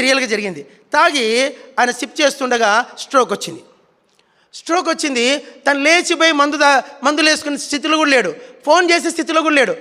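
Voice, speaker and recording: A man with a very high, bright voice and a forceful tone delivers a Telugu-style sermon in an echoing hall. He brings his storytelling to life by acting out the scenes.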